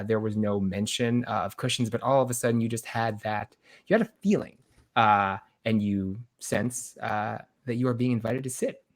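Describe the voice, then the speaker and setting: A man narrating a tabletop game as game master, in halting, measured phrases. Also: medium pitch.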